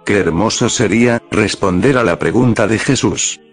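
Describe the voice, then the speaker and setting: A man's voice: fairly low pitch, normal speed, faint music behind. A man delivering an earnest sermon reflection, emphatic, sometimes acting out the words he quotes. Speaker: preacher.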